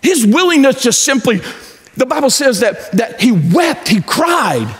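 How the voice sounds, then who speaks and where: A pastor in his forties preaching a sermon on a large church stage, pacing as he talks and swinging from loud to low. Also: sing-song, unhurried. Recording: echoey church hall.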